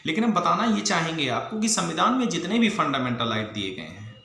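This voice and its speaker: An Indian man teaches civil service exam students in an emphatic, didactic explanatory lecture, posing rhetorical questions and mixing in English legal terms. His fairly high voice is gravelly and sharp, sing-song and a little fast, in an echoey room with faint background noise.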